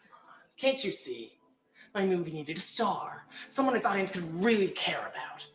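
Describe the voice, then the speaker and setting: A man's voice: high-pitched, big pitch swings, normal speed. Man acting a wildly swinging, gloating teenage killer. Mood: manic, taunting. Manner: taunting, theatrical, foul-mouthed. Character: gloating unhinged teenage male killer, theatrical, obsessed with fame. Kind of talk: horror fan film acting. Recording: roomy film sound under loud music.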